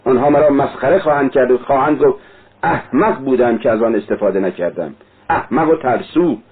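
A feverish, tormented young man, as a male reader voices him, talking in a raised, agitated voice. His tone is husky, and the recording sounds thin and lo-fi, like an old radio. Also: mid-range voice. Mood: bitter.

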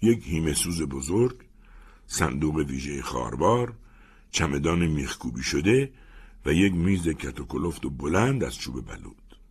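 Brief: deep husky male narrator, lively expressive storytelling read. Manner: expressive, animated reading of a first-person tale. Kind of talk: storytelling reading.

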